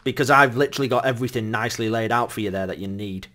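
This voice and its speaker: A man's voice: medium pitch, very fast, sharp tone. A man chatting casually while playing a game with friends, teasing and laughing often. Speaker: gameplay commentator. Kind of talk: casual multiplayer game chat.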